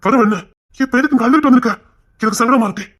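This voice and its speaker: A man's voice: extremely high pitch, rapid-fire, fairly bright tone. A man playing a brash young man who challenges the woman he loves, then turns guilty and pleading. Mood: angry. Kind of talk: screen drama acting.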